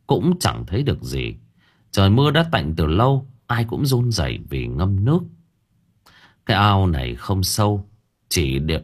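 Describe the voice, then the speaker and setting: A man narrating an audiobook story with dramatic, expressive delivery. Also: fairly low pitch, breathy edge.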